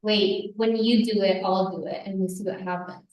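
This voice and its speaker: A woman from Puerto Rico co-hosting a casual podcast, relaxed, mixing in Spanish phrases. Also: medium pitch, moderate pace, recorded from a distance. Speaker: podcast co-host. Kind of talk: casual chat. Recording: echoey room, off-mic.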